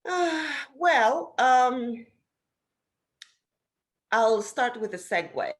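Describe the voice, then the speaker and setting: A woman's voice: on the high side, lively intonation, extremely slow. A woman in her forties from Romania, speaking as a guest in an interview, thoughtful and hesitant, with many fillers and restarts. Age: 40s. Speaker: interview guest, social investor.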